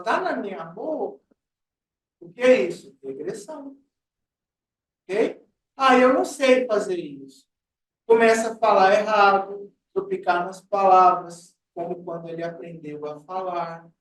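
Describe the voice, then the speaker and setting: A teacher lecturing a psychoanalysis class, explaining with questions and everyday examples. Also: mid-range voice. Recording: roomy class audio from far off.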